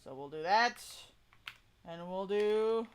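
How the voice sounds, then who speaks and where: A woman's voice: medium pitch, expressive, slow pace, slight background noise. A woman streamer chatting casually and informally with her viewers during a livestream. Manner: chatty, informal, folksy "y'all". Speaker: VTuber streamer, voice coach.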